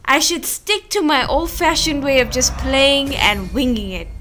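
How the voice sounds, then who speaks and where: High-voiced woman narrating her gameplay slowly. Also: animated, a bit bright, slight background noise. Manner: rambling, self-mocking, exclaims and mutters. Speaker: gamer streaming gameplay. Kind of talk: self-deprecating gameplay commentary. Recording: game music playing behind.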